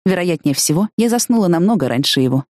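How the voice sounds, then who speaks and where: A woman's voice: fairly low pitch, fast, no room sound, clean studio sound. Woman narrating a novel. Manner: expressive, lifts voice for excited quotes. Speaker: audiobook narrator. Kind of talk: first-person novel narration.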